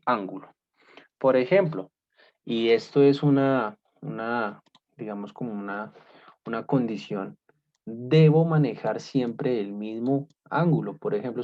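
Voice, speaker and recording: On the low side with a darkish tone, a man teaches basic math in patient steps. He keeps checking on his students with "¿listo?" and "¿cierto?"; the classroom recording sounds dull and lo-fi.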